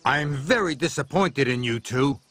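A man's voice: medium pitch, animated, moderate pace, fairly bright tone, dry recording. A man voicing a stern woman construction boss who scolds firmly in a storybook narration. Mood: scolding. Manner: scolding, firm.

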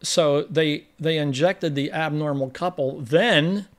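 A man's voice: a little high, takes it slowly. A man co-hosting a casual film review podcast, retelling the plot in a rambling way with frequent restarts.

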